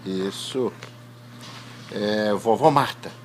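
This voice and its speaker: A man's voice: on the low side, very slow, noisy background. A father at home chatting playfully with his small sons, slipping into baby talk as he coaxes them to repeat words. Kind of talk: casual home video.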